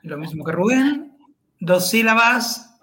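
A man's voice: high-pitched, very animated, slow pace, fairly bright tone. A man, co-hosting a podcast chat and explaining pronunciation carefully, syllable by syllable. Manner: careful and methodical, spells out syllables.

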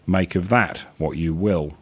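A man's voice: low voice, a little slow, slightly rough. A man hosting a radio show, reading his own whimsical stories in a dry, droll manner, with hesitant asides between pieces. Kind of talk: deadpan literary narration and reading.

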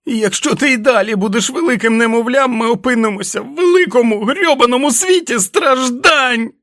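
A man reading the part of a furious, exhausted boy who shouts himself hoarse in the rain, in a storybook reading. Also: mid-range voice, moderate pace, no room sound, lightly acted. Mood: furious shouting. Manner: shouting, frantic.

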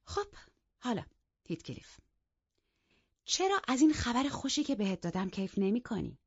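A woman voicing a teasing, mischievous young lady of the house in an audiobook, loud and mocking. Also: fairly high pitch, breathy edge, dry recording, highs cut off, voice pushed up, heavily acted. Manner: lively, mocking, raising her voice. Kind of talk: audiobook character voice.

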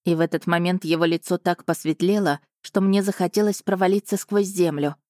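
Woman narrator, audiobook, lowish voice, dry close recording, measured. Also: fairly even intonation, dark tone, dry recording. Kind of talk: first-person audiobook narration.

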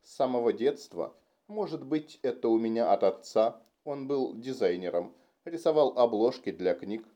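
A man's voice: mid-range voice, expressive, moderate pace, warm tone, lightly acted. A man voicing a frank, childlike nineteen-year-old girl who forges documents, in an audiobook reading. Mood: matter-of-fact.

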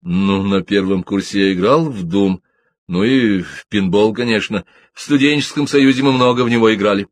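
A man's voice: fairly low pitch, no echo, close to an everyday voice. A man reading an audiobook, voicing a nervous young male medical student who talks hurriedly. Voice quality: flustered, hurried.

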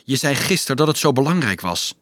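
A man's voice: medium pitch, big pitch swings, quick pace, fairly bright tone, no room sound, studio quality, voice pushed up. A man voicing an eager young tanner boy in a storybook reading, tumbling over his explanations.

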